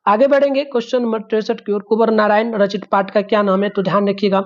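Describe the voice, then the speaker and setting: A man's voice: high-pitched, little pitch movement. Male tutor talking students through a test, sounding letters aloud, muffled recording. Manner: drawn-out repeated sounds, frequent fillers, addresses the children. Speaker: teacher. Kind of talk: exam answer walkthrough.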